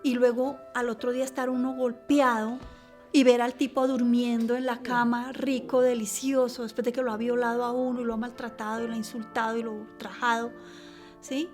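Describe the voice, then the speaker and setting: A middle-aged woman from Colombia giving a slow, hushed personal testimony in an interview, often dropping to a near whisper. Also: on the high side, little pitch movement, faint music behind.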